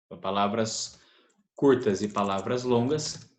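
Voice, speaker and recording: A man's voice: lowish voice, a little slow. A man teaching an English grammar lesson, explaining patiently and repeating the key points. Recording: echoey room, faint noise.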